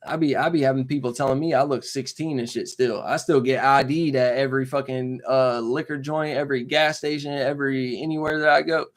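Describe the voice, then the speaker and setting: A man's voice: mid-range voice, fairly even intonation, brisk, hardly any pauses. Twenty-something guy rambling on his live stream, slangy, loose, keeps saying you know what im saying. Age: 20s. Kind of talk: casual live-stream chat.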